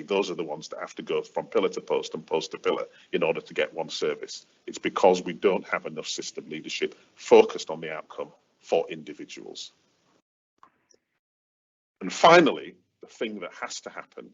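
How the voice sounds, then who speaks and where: A man speaking as a webinar panellist, explaining his points in an emphatic, deliberate way. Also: low voice, fairly bright tone, husky. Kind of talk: webinar talk on leadership. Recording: dull, muffled webinar audio.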